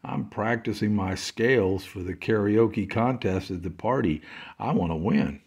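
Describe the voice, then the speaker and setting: A man's voice: lowish voice, unhurried, creaky, a little mellow, husky, heavily acted. A man voicing a cheerful little female chipmunk in a storybook, singing scales eagerly.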